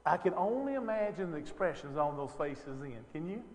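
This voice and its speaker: A man's voice: fairly high pitch, sing-song, brisk, a little mellow, in a large hall. A man teaching an informal Bible lesson, talking conversationally with lots of fillers and rhetorical questions.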